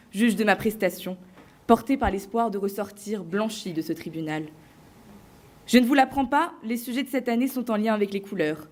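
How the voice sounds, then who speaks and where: A woman on stage delivering a prepared competition speech to a live audience, theatrical and playful, with deliberate pauses. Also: medium pitch, darkish tone. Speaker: eloquence contest finalist.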